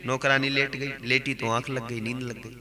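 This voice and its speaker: A man's voice: medium pitch, flat delivery, moderate pace, in a large hall, crowd noise. A man preaching a sermon and telling a story, drawing out words and repeating phrases with sing-song emphasis.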